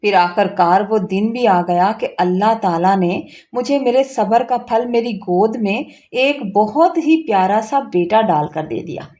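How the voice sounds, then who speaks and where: A woman's voice: on the high side, mellow. A woman narrating an emotional first-person story in a plaintive, earnest way.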